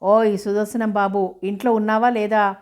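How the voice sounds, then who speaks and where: A woman voicing a crude, pushy middle-aged female moneylender who talks roughly and scolds loudly. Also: medium pitch, little pitch movement, normal speed, close to an everyday voice. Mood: scolding.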